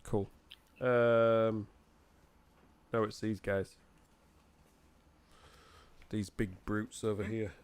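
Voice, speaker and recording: A man's voice: fairly low pitch, little pitch movement, extremely slow, long pauses, slight background noise. A man running a tabletop game as game master, explaining rules in a blunt, bantering, casual way.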